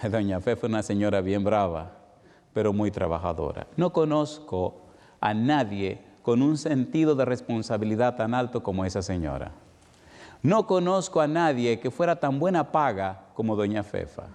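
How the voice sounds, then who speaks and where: A man's voice: fairly low pitch, expressive, darkish tone. Dominican man preaching in a reverberant hall. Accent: Dominican Spanish. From Dominican Republic. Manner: emotional storytelling, shifting between slow emphatic and quick passages. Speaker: evangelist preacher. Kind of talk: sermon.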